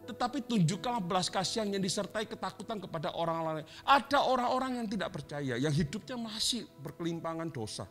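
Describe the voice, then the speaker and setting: A male pastor preaching a sermon with lively storytelling, acting out quoted dialogue. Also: high voice, fairly quick, few pauses, soft background music.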